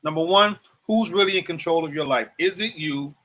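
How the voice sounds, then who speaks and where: A man's voice: on the high side, fairly quick, pushed and bright. A man in his fifties hosting a livestreamed motivational talk, preaching to viewers, repeating phrases and asking them questions directly. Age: 50s. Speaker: host.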